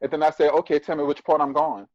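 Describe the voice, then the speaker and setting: A man's voice: fairly high pitch, flat delivery, quick pace, a little mellow, no room sound. A man in his thirties from the United States, a podcast guest talking bluntly and emphatically, with profanity and sarcastic retorts, from a phone at home on a video call. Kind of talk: candid conversational interview. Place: indoors at home. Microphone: phone front camera on a video call. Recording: dry, slightly dull video-call audio.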